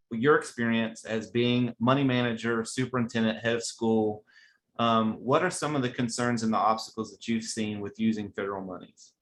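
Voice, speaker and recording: A man's voice: medium pitch, fairly bright tone. Chatty man with an Appalachian accent. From West Virginia, USA. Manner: enthusiastic, chatty, folksy. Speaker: webinar host. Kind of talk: casual webinar talk.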